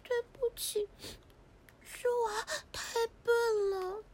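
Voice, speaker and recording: Squeaky, teary cartoon princess. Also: female voice, lively intonation, normal speed, fairly bright tone, no echo. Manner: cutesy, calls herself renjia, whiny. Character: shy, crybaby young princess girl. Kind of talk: cartoon voice acting.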